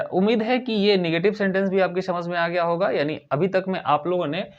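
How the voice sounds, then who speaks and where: A man with a voice that sits high for a man teaches English grammar. He explains patiently, repeats his points and spells words out slowly, and the recording sounds dull and lo-fi.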